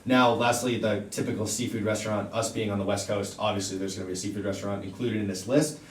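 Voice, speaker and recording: A young man delivering a persuasive sales pitch as a venue salesperson, emphatic and full of assurances. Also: fairly even intonation, fast. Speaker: event venue salesperson in a role play. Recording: echoey room, distant mic, faint rumbling noise.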